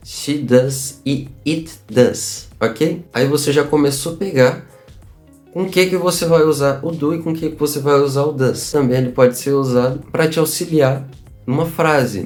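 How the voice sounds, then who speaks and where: A man's voice: mid-range voice, darkish tone, soft background music. Upbeat Brazilian man teaching English. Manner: upbeat, chatty, repeats examples slowly. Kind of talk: casual online lesson.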